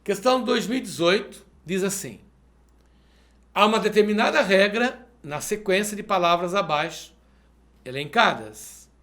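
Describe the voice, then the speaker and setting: Man, math teacher, high voice, methodical step-by-step explaining, echoey room. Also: lively intonation, a little slow, a bit bright. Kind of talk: video lesson solving exercises.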